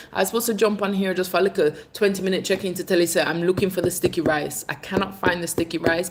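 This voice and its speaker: A livestream host in her thirties from England, with an accent mixing British English and Jamaican, chats casually and reads viewer comments, fondly calling viewers babes and darling. Her voice is on the low side, with slight background noise.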